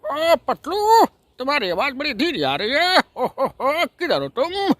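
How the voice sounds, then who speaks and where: A man's voice: extremely high pitch, huge pitch swings, a little slow, fairly bright tone, no room sound, voice pushed up, full character voice. A man voicing a chubby, easily scared male cartoon hero who keeps chuckling "oh ho ho" between his lines.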